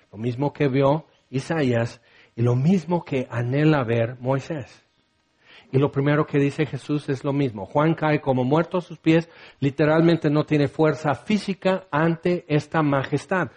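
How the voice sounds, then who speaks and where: A man preaching a sermon with dramatic swings between raised passages and hushed ones. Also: fairly high pitch.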